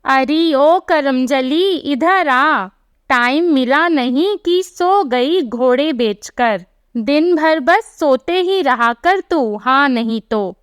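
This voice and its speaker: This is a bossy, taunting mother-in-law from a storybook tale, put on by a woman. She scolds harshly in a high voice. She speaks very slowly, close to a dry mic. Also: expressive, no room sound, heavily acted. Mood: scolding.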